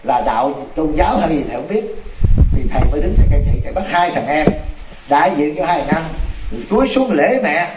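A man, a Buddhist monk telling a story in a dharma talk, animated and speaking straight to his listeners. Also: a little high, fairly quick. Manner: animated, addresses the audience directly. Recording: echoey room, mic far off, noisy.

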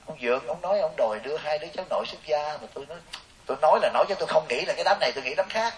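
In a hissy, far-off recording, a male monk tells stories and cracks jokes while giving a dharma talk to laypeople. He talks rapid-fire in a slightly high voice, lively and acting out quoted voices.

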